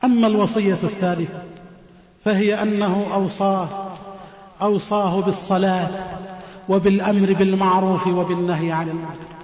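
A man delivers a sermon in a high, fairly flat voice, stepping through his points and repeating phrases for weight. His voice rings out in a large prayer hall with a long, echoing tail. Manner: measured, repeats phrases for emphasis. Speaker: preacher. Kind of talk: Friday sermon. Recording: echoey hall with long reverb.

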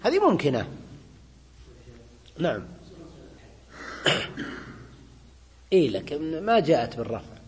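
A man's voice: a little high, wildly swooping pitch, slow pace, pauses often, big-room sound. A man giving a classroom grammar lecture. He explains step by step, repeats his points and keeps checking in with students. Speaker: Arabic grammar teacher.

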